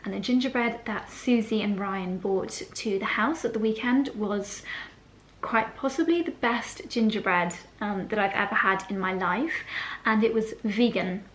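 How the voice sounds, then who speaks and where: A woman's voice: medium pitch, measured pace, echoey room, poor audio. A British woman chatting casually to viewers in a vlog, with a slight lisp and whistling s from a dental brace. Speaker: lifestyle vlogger.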